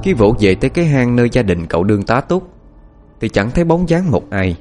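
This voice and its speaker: A man narrating a ghost story as an audiobook, in an expressive, measured storytelling manner. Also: medium pitch, soft background music.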